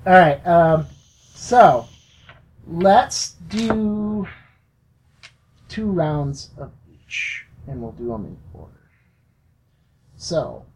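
A game master narrating a tabletop role-playing game for a podcast, in slow, halting speech full of fillers. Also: medium pitch, big pitch swings, a little hiss or hum, low-quality recording.

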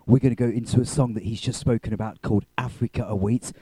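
A man's voice: medium pitch, fairly even intonation, fast, warm tone, husky, no echo. A man presenting a radio programme as its host.

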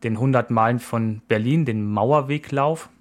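A man's voice: medium pitch, a little slow. Easygoing man in his forties, rambling. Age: 40s. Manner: easygoing, rambling with frequent hesitations and laughs. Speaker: podcast co-host. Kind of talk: casual chat.

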